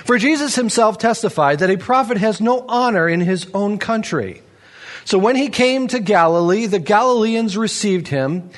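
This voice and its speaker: A pastor preaching a sermon, telling stories with big rises in pitch and dropping low and quiet to stress a point. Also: male voice. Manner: animated storytelling with big pitch swings; drops to low, quiet emphasis.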